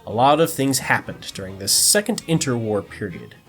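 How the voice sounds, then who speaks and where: Lively mock-dramatic male game narrator. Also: medium pitch, normal speed, faint music behind. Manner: mock-dramatic storyteller, dry jokes. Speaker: strategy game video narrator. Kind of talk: scripted game narration with wry asides.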